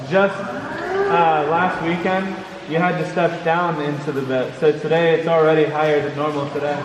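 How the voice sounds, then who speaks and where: A man's voice: a little high, lively intonation, normal speed. A man working as a tour guide, giving casual, explanatory commentary with his voice echoing through a cave. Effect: cave echo. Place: inside a water-filled cave on a tour boat. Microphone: vlogger's camera, away from the speaker. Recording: echoey cave, distant mic, noisy background.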